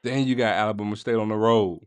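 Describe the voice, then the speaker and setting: A man hosting a casual sports podcast, talking straight to his listeners in slangy, animated bursts. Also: lowish voice, quick pace, clear, resonant tone, dry recording. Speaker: podcast host.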